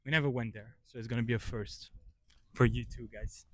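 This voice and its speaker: A man's voice: mid-range voice, fairly even intonation, moderate pace, fairly bright tone, dry recording. A man chatting casually as a vlogger, informal and mock-earnest as he gives his opinions. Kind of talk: casual vlog chat. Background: faint guitar music.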